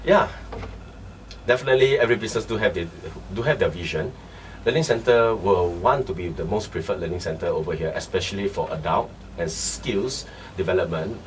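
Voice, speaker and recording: A man from Singapore who founded a training centre, speaking as a guest in a radio interview and getting animated as he acts out conversations. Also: low voice. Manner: animated, acts out dialogue in quotes. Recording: distant mic with faint background noise.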